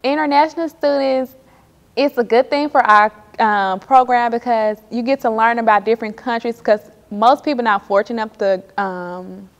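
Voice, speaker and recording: A woman's voice: on the high side, moderate pace, muffled recording. Woman interviewee, earnest and chatty; echoey room. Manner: earnest, loosely phrased with fillers. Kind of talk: casual interview answers. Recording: echoey room with long reverb.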